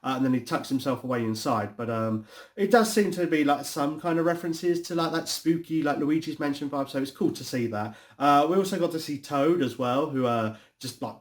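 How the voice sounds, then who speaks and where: A man from the UK, hosting a casual, rambling review chat full of fillers. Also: mid-range voice. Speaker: host.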